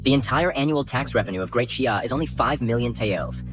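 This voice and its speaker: An actor playing a calm, defiant young hero confronting a villain in a dubbed drama. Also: male voice, medium pitch, close to an everyday voice. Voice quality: cool, steady, measured.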